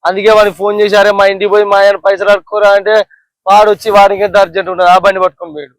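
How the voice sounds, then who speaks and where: A man's voice: sits high, little pitch movement, very fast, dry recording, low-quality recording. A young man, acting in a village comedy sketch, reassuring his friend. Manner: reassuring, brushing off worry. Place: outdoors in a village.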